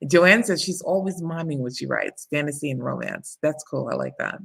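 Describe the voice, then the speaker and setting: A woman with a low, husky voice hosts a casual livestream as a book coach. She chats freely, laughs often and reads out viewer comments. There is a gravelly edge to her speech. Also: moderate pace, fairly bright tone. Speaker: book coach hosting live writing sprints. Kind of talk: casual live-stream chat.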